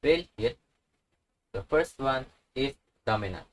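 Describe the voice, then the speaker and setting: Male tutor, slow deliberate delivery, mid-pitched, patient and repetitive. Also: lively intonation, low-quality recording. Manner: patient, repeats each example word slowly. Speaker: language teacher.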